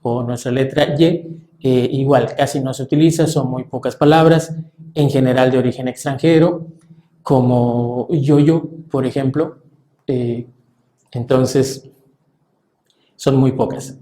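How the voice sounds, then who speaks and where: A man explains letter sounds to a class in a steady, measured way, pausing often on fillers. His voice is mellow, and the room gives it a noticeable echo. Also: medium pitch. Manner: measured, halting with frequent fillers. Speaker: French teacher.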